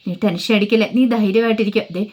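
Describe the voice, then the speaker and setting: A woman doing a gentle comforting man. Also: sits high, fairly even intonation, fast talker. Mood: soothing. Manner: gentle, soothing. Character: kindly older man comforting grieving girl.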